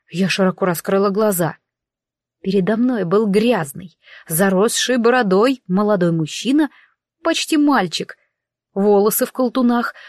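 A woman's voice: on the high side, a little mellow, dry recording. A woman reading a first-person audiobook in a wry, dry-humoured tone. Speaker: audiobook narrator.

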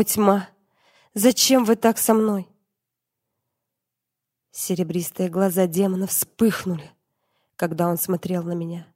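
A woman reading a dark fantasy novel as an audiobook narrator, in a measured, dramatic way. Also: fairly low pitch.

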